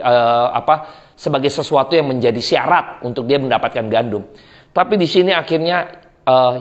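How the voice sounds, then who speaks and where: A man preaching a sermon in a chatty, lively way, joking and laughing with the congregation and slipping into casual slang. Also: medium pitch, lo-fi sound. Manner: slips into colloquial Jakarta slang.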